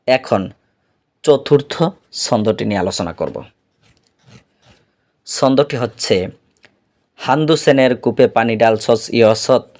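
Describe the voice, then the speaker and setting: Man, language teacher, very slow pace, mid-pitched voice, careful word-by-word drilling, beginner lesson. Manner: deliberate, repeats each word for drilling.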